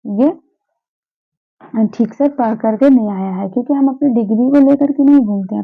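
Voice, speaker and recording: A woman with a fairly high voice and some vocal fry teaches Hindi pronunciation, patiently repeating sounds and answering her own questions. The recording sounds tinny, like a phone.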